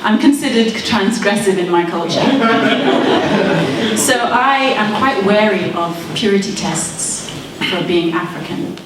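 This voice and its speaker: A woman's voice: mid-range voice, expressive, takes it slowly, recorded from a distance, heavy background noise. A woman in her thirties, from Malawi and raised in Zimbabwe, giving an earnest, persuasive debate speech with wry asides. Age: 30s. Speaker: speaker in a debate. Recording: very echoey hall, speaker away from the mic.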